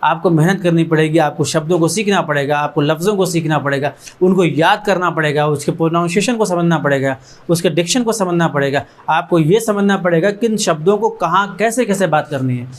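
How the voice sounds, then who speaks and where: The founder of an education trust, a man with a higher, brisk voice, gives students an earnest motivational talk in a learning centre room. He urges them on in strings of short, repeated phrases.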